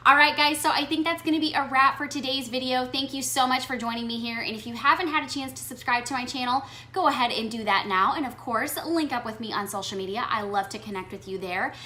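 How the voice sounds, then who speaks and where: A woman's voice: high-pitched, quick pace, hardly any pauses, bright, forceful tone. A chatty woman with a lilt walks viewers through a makeup look step by step. She sounds upbeat and friendly, speaking straight to her audience as if they were her girlfriends. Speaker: beauty channel host. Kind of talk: makeup tutorial.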